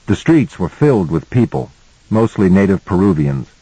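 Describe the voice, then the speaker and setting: A man narrating a novel in the first person as an audiobook, in a measured storytelling manner. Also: sits low, sing-song, mellow, slightly rough, dry recording, poor audio.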